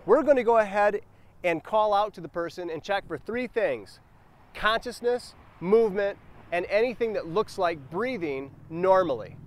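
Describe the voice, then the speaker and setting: A man's voice: high voice, expressive, moderate pace. An American man in his forties giving an emphatic, step-by-step instructional demonstration as a CPR instructor, speaking outdoors. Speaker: CPR and first aid instructor. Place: outdoors on a roadside sidewalk.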